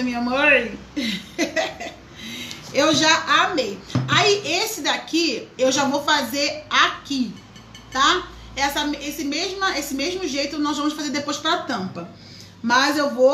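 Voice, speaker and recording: A woman's voice: high voice, takes it slowly, sharp tone, roomy sound, a little hiss or hum, poor audio. A woman hosting a live craft tutorial, chatting and greeting viewers by name as she works. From Brazil. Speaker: craft teacher, live stream host.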